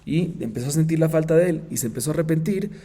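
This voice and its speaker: A man teaching a Talmud class as a rabbi, telling the story with lively repetition and questions to his students. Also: a little high, rapid-fire, slightly rough. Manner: animated storyteller, asks students rhetorical questions; repeats phrases for emphasis. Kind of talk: Talmud class, reading Aramaic and explaining.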